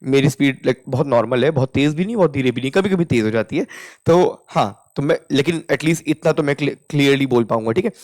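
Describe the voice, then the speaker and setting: A young man with an Indian accent, teaching spoken English in a casual lesson, mixing Hindi with English and repeating example sentences slowly. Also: mid-range voice, darkish tone.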